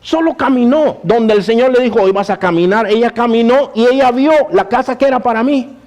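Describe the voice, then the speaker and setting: A man's voice: extremely high pitch, fairly quick. Man preaching a personal-testimony sermon. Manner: personal testimony, addresses listeners as brothers; swings between raised preaching and hushed storytelling. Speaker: pastor.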